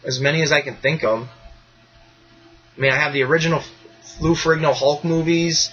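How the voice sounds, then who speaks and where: A man hosts a podcast in loose, rambling conversation, swearing freely and breaking into bursts of enthusiasm. His voice sits a touch high and sounds bright and forceful. The recording is muffled and lo-fi. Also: fairly even intonation, brisk, slightly rough. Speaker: podcast host. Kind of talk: casual chat.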